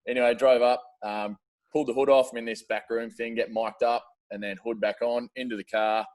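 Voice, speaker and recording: A man's voice: medium pitch, flat delivery, fairly quick, darkish tone. An Australian man in his thirties, a podcast guest telling stories in casual chat, with lots of "uh" fillers and casual swearing. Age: 30s. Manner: chatty storyteller, frequent "uh" fillers, casual swearing.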